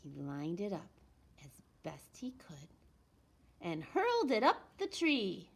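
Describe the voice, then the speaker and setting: A woman reads a children's picture book aloud in an expressive storytelling manner, with deliberate pauses and emphasis. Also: lowish voice, husky. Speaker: elementary school storytime reader.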